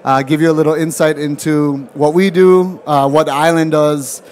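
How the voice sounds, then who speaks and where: A man's voice: a little high, fairly even intonation, normal speed, darkish tone. A man with a mixed Jamaican and Canadian accent gives a live presentation to an audience at an event, casual and joking, with plenty of fillers. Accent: mixed Jamaican and Canadian English. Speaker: rum brand ambassador giving a presentation. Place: event hall.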